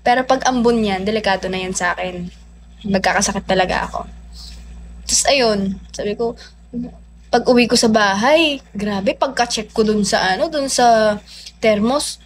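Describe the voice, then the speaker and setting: Young woman, livestreamer, animated casual storytelling, phone mic, lots of fillers. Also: mid-range voice, moderate pace, long pauses, slight background noise.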